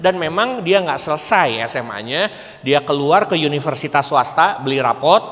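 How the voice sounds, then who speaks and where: A middle-aged man with a fairly high voice speaks to a church audience, animated and quick to laugh as he acts out little scenes. His voice rings through a large hall with a long reverb tail. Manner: animated, acts out parents and students, laughs often. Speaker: parenting seminar speaker, school educator. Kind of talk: lively seminar talk.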